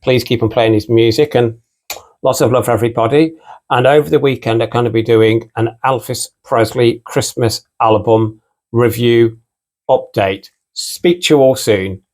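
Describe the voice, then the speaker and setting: A man's voice: medium pitch, steady tone, moderate pace, darkish tone. A British man with a mixed English and Irish accent, a record collector hosting his own channel and chatting casually. He rambles and keeps repeating "again" and "you know.". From United Kingdom. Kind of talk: casual unscripted vlog talk.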